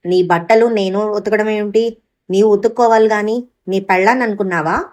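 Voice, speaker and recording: A woman's voice: medium pitch, fairly even intonation, normal speed, a little mellow, lightly acted. A woman reading the part of a scornful young mistress with cutting retorts.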